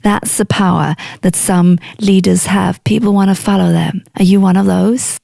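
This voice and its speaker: A woman's voice: medium pitch, fairly even intonation, moderate pace, gravelly, mellow, dry recording, studio quality. A middle-aged woman from Denmark with a Danish accent, hosting her own podcast as an executive coach and speaking earnestly and emphatically in a solo monologue. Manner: earnest, emphatic, acts out quoted clients.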